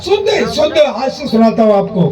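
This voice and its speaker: A man's voice: very high voice, very animated, a little fast, a crowd in the background. A man performing comedy poetry live on stage, joking directly with the audience and acting out dialogue. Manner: jokey, addresses the audience directly, acts out dialogue. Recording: dull, echoey, distant hall recording.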